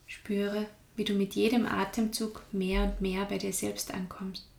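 Calm lady leading a meditation, flat soothing tone, some whispering, echoey room. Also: medium pitch, vocal fry. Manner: slow, calm, soft-spoken, drifts into whispers. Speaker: meditation guide. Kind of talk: guided meditation.

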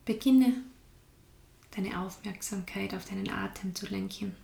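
A woman guiding a meditation in a calm, soft-spoken way, often sinking into a whisper. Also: mid-range voice, measured pace, gravelly, roomy sound. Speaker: meditation guide. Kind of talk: guided meditation.

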